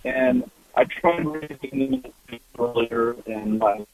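A man in his sixties calling in to a radio show over a choppy phone connection that keeps breaking up, talking haltingly with many restarts. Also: medium pitch, wildly swooping pitch, gravelly, darkish tone, no echo. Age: 60s. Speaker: caller. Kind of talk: call-in radio talk. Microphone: phone headset. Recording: tinny, breaking-up phone line.

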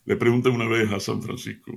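Gravelly middle-aged man telling radio stories. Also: quick pace. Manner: addresses listeners warmly as family; animated storytelling, pitch jumps up for emphasis. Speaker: radio show host. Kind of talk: radio devotional storytelling.

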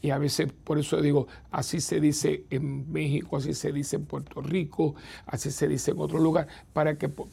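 Gravelly, husky-voiced priest in easy talk. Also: male voice, a little high, warm tone. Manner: unhurried and reflective, repeats words and adds tag questions. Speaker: priest hosting a program. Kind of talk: conversational talk to viewers.

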